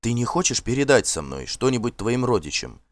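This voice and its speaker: A man reading the lines of a gentle young warrior, kind and softly pleading with a girl he cares for. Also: mid-range voice, big pitch swings, a little fast, dry recording, lightly acted.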